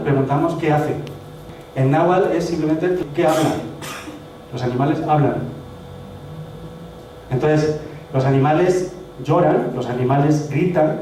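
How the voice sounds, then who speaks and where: A man's voice: on the high side, warm tone, a little hiss or hum. A man from giving an academic lecture in a municipal hall. He explains in a conversational way and keeps checking in with rhetorical questions. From Spain. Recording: very echoey hall, mic far off.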